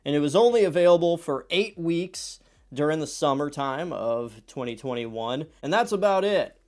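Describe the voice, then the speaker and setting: Shelves of soda cans fill the home room where a congested thirtysomething man reviews sodas for a casual vlog, talking at a moderate pace in a voice on the high side. He's animated and chatty, doing voices for quotes, and the camera sits at desk distance.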